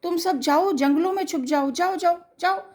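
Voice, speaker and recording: A woman voicing an urgent female character who warns jungle animals in a rapid, insistent way, told as a children's story. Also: very high-pitched, a little mellow, voice pushed up. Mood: alarmed.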